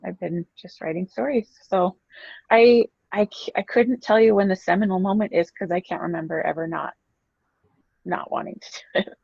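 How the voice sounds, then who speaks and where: Woman, author guest, gravelly voice, chatty, hesitant ums, dry slightly dull recording. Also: mid-range voice, steady tone, moderate pace, darkish tone, dry recording. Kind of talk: casual interview chat. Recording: slightly muffled dry sound.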